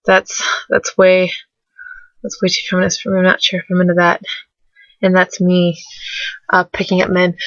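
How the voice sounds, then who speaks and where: A young woman vlogger, sick and rougher-voiced than usual, rambles through fan questions on her webcam, self-deprecating and full of fillers. Her mid-range voice has a fairly bright tone, and the dry recording sounds dull and lo-fi through the webcam mic.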